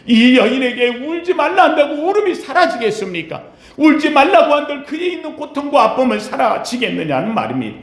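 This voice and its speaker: High-voiced male pastor preaching emphatically. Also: very animated. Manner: emphatic preaching with sharp rises and slow, low falls. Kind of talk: sermon. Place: church sanctuary. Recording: echoey church sanctuary.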